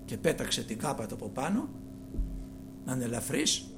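A male preacher giving a sermon, dropping to hushed murmurs and then rising to loud, fervent exhortation. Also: mid-range voice, sing-song, background noise.

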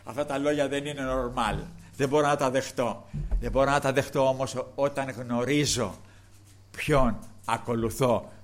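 A faint hiss or hum accompanies an older man's fervent sermon, his mid-range voice holding a steady tone. He speaks straight to the congregation, interjecting praise refrains and lingering in slow, emphatic stretches.

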